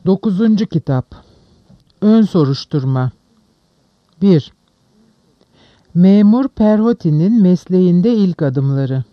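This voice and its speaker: An audiobook narrator reading a classic novel in a measured, dramatic way. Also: medium pitch, lively intonation, dry recording, lo-fi sound. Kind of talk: scripted literary narration.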